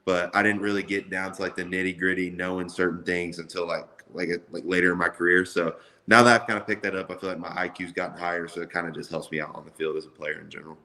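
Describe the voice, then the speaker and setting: Man in his twenties, athlete, deep pitch, bright edgy tone, casual interview chat, slangy delivery. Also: little pitch movement, fast talker, rough recording. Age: 20s. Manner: loose, slangy, repeats "like" often. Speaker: college football player being interviewed.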